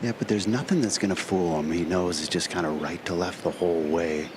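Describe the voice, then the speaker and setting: A man with a deep voice gives live on-course golf commentary. His remarks are terse and informal, describing each shot. The outdoor broadcast has clear noise behind him. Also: brisk.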